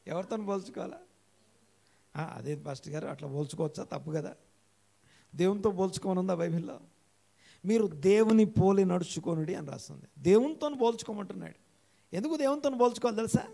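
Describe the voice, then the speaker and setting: High-voiced gravelly male pastor. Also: dark tone. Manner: repeats key phrases and quizzes the congregation; slows and rises in pitch when reading scripture aloud. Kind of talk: interactive sermon. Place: church hall.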